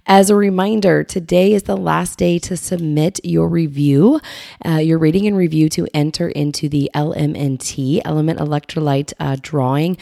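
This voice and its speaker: A woman hosting a podcast in a casual way, with a raspy, hoarse voice that is nearly gone. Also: low voice, warm tone, no room sound, clean studio sound. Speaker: podcast host.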